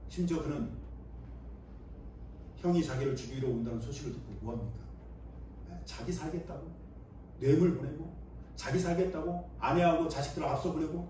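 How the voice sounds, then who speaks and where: A man's voice: on the high side, warm tone, distant mic, slight background noise. A male pastor delivering a sermon, preaching emphatically and asking the congregation rhetorical questions. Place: church sanctuary. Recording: echoey church sanctuary, voice from off-mic.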